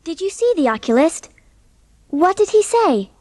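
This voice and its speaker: A woman playing an earnest, impulsive, warm-hearted teenage orphan girl in an audiobook drama, speaking with eager emotion. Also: very high voice, sing-song, moderate pace, no echo. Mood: concerned.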